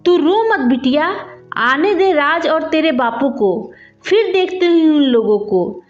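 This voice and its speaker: A woman voicing a sharp-tongued older mother-in-law who shouts and scolds. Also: sits high, expressive, takes it slowly, echoey room, lo-fi sound, soft background music. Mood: scolding.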